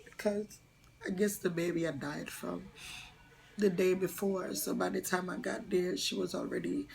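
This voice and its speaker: A young woman telling a personal story on her vlog, soft and halting, often slipping into a whisper, earnest and tearful. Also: fairly low pitch, steady tone, creaky, poor audio. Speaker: vlogger.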